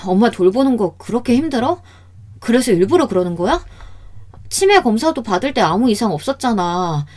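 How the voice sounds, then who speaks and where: A woman voicing a trusting adult daughter who questions gently. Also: a little high, sing-song, moderate pace, voice pushed up. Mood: concerned.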